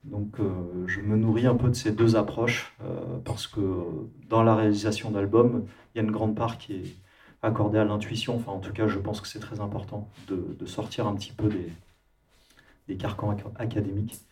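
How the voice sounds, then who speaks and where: A man from France, a musician and producer, talking in a relaxed interview with many hesitations and restarts. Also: lowish voice, normal speed, distant mic.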